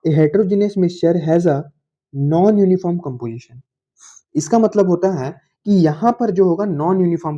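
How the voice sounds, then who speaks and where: A male science teacher gives a school lesson in a mellow, fairly high voice. He reads textbook English slowly, then explains in casual Hindi and keeps checking that students follow. The sound is dull and lo-fi. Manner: coaxing, informal, addresses students as bhaiya. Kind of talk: classroom lecture to school students.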